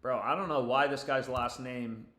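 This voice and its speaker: A man's voice: medium pitch, fairly even intonation, normal speed, pushed and bright. A young man chatting casually as a livestream host, with sweary frat-bro slang. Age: young adult. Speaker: livestream host giving betting picks. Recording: roomy, echoey indoor sound.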